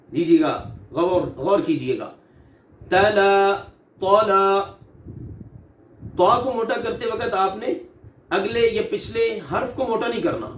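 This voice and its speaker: A man's voice: fairly high pitch, recorded from a distance, a little hiss or hum. A man teaching Quran recitation in a recorded lesson, patiently repeating examples and stretching out each letter sound to demonstrate it. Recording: echoey room, off-mic, faint ambience.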